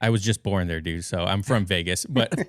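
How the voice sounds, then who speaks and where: This American podcast guest, in his thirties and from the western US, tells stories in a casual, rambling style from his home bedroom. His voice sits low, he talks at a normal speed, and the clean studio sound has no echo.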